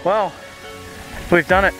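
A man's voice: high-pitched, fairly even intonation. An Australian man riding a dirt bike through bushland, joking in casual helmet-camera commentary. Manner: laid-back, joking, slow and halting. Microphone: helmet camera mic. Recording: loud music over the voice.

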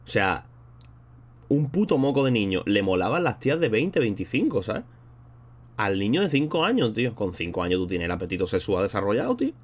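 A man's voice: fairly low pitch, big pitch swings, a little fast. A man streaming live, chatting casually and rambling in a slangy way while thanking viewers between thoughts. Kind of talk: casual livestream chat.

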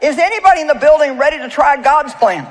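A woman's voice: sits high, expressive, fast talker, over a noisy crowd, very noisy. Emphatic woman preaching a sermon. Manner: emphatic, asks the audience rhetorical questions; storytelling with personal anecdotes. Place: in front of a live audience.

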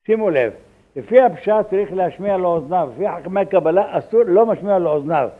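Old rabbi on a tinny line. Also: male voice, high voice, lively intonation. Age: older. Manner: halting, repeats words, acts out quoted dialogue. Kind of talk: religious law lesson with anecdotes. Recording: tinny phone-like lo-fi recording.

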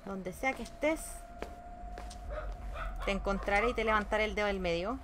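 A woman's voice: mid-range voice, normal speed, noisy background. A young woman giving casual gameplay commentary, sassy and talking back to the game. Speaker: gameplay streamer.

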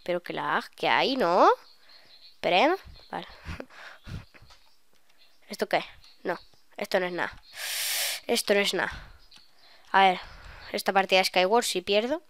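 Smooth-voiced young woman gamer. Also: medium pitch, unhurried, pauses often, dry recording. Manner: chatty, excitable, bursts of shrieks. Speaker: gaming YouTuber. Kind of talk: live gameplay commentary.

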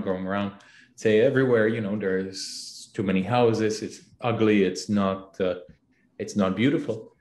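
Man from the Republic, halting, in an echoey room. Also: on the low side, a little mellow. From Czech Republic. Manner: halting, many fillers and restarts. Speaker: CEO guest. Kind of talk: casual interview answers.

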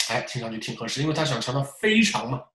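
A man teaching test preparation in a lecture style, animated, asking rhetorical questions and demonstrating examples aloud. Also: mid-range voice, quick pace. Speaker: English test prep teacher. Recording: roomy echo.

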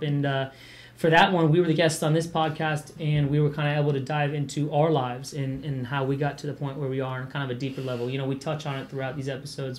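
A young man hosting a podcast in a loose, chatty way, swearing freely and laughing easily. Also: fairly high pitch. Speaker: podcast host. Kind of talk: casual podcast chat.

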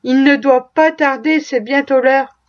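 A poor mother speaks softly, steadying her family through grief, as a woman narrator gives her voice. The tone is high and gentle. The recording is dull and lo-fi. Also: fairly even intonation, a little slow. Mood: tender.

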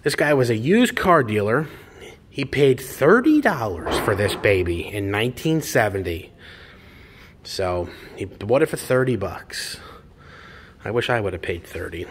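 A middle-aged classic car parts dealer films a walkaround in a large repair garage, narrating casually in a lowish, very animated voice at a moderate pace. He's chatty and enthusiastic, rambling and restarting his sentences, with slight background noise.

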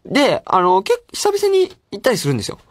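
A man's voice: sits high, huge pitch swings, fast talker, no echo, clean studio sound. Playful chatty male radio host. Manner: playful, chatty, laughs often. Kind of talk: casual radio talk reading listener mail.

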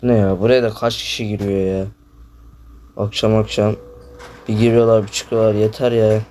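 A young man commenting on his own gameplay, groaning, swearing and complaining loudly as he plays. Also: fairly low pitch, flat delivery, normal speed. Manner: frustrated, swearing, groaning, yelping. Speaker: gaming YouTuber.

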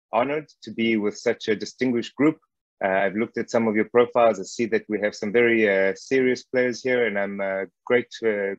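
A South African man in his thirties, with a medium-pitched voice, gives an informal online talk as a guest lecturer, sounding hesitant but wryly humorous. He's on wireless earbuds during a video call, and the dry audio comes across muffled.

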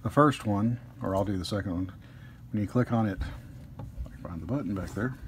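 A man casually reviewing a collectible statue at a table indoors, easygoing, with frequent pauses. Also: lowish voice, slight background noise.

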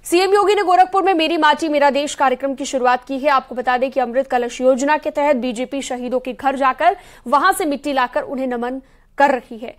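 A young woman anchoring a TV news bulletin in a studio, reading briskly and formally. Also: sits high. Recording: broadcast bed music underneath.

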